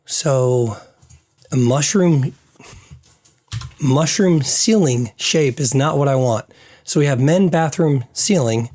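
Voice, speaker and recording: Losing his voice, a game developer mutters to himself through a game-building session on screen, letting sentences trail away. He speaks slowly in a mid-range, darkish voice, pausing often.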